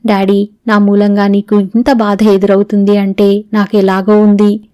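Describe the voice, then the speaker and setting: Woman narrator voicing a dying young daughter in an audiobook, flat even delivery, mellow tone. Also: mid-range voice, measured pace, no echo, close to an everyday voice. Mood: sorrowful. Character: young woman, terminally ill, writing to her father. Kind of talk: audiobook reading of a novel.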